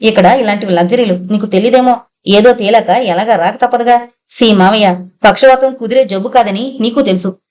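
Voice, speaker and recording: A woman's voice: mid-range voice, moderate pace, lightly acted. Woman voicing an irritated young husband. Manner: impatient, sharp on the phone. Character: exasperated young husband and father.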